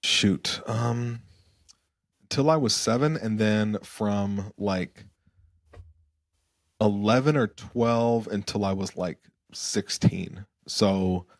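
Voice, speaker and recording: A man's voice: on the low side, slow, dry recording, studio quality. A young man from Germany and Arizona, a podcast guest talking casually and reflectively, with many fillers and restarts. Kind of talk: casual interview conversation.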